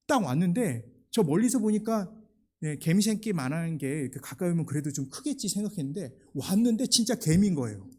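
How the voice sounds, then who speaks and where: A man preaches a sermon in a church. His voice sits a bit high but has a mellow, dark tone, and he tells stories in an easy conversational way before pressing points home with emphatic preaching. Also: very animated, fairly quick, husky. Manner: conversational storytelling, builds to raised emphatic preaching. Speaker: pastor. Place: church sanctuary.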